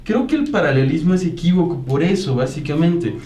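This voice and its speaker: A man's voice: a little high, animated, fairly quick, mellow. A man on a political panel, arguing his point and listing dates and facts. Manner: argumentative, lists dates and facts. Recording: roomy echo with faint noise.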